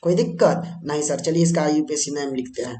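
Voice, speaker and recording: A man's voice: on the high side, fast talker, mellow, reverberant. A man teaching a chemistry lesson at a board, chatty, keeps asking his students questions and answering them himself. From India. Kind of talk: board-exam lesson at a whiteboard.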